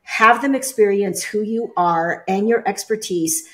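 A woman's voice: medium pitch, measured pace. Upbeat chatty woman podcast host. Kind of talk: casual interview.

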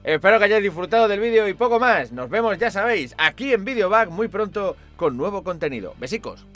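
Bright-voiced sarcastic man. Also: sits high, sing-song, a little fast, soft background music. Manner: sarcastic, mocking voices of commenters. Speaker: video host answering comments. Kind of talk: casual vlog commentary.

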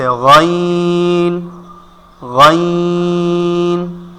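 A man leads a Quran pronunciation lesson at a very slow, careful pace, repeating each drawn-out letter. His voice is very bright and slightly high. A long reverb trails behind every word. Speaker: Quran recitation teacher.

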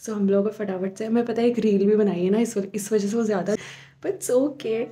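Speaking at a normal speed in a warm, mid-range voice, a young woman vlogs chattily to camera and mixes English phrases into what she says.

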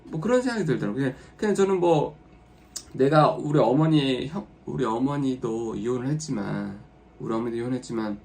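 A man's voice: mid-range voice, lively intonation, brisk, a little mellow. A man hosting a live stream, talking to viewers in a casual, rambling way with many restarts and fillers, and acting out what spouses say. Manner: acts out spouses' lines in a raised voice.

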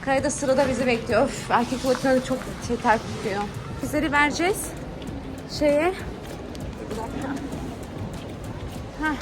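A woman's voice: high voice, moderate pace, long pauses, over music. A woman vlogging casually to her phone, chatty and exasperated as she complains. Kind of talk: casual travel vlog to camera. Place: airport, indoors with crowds.

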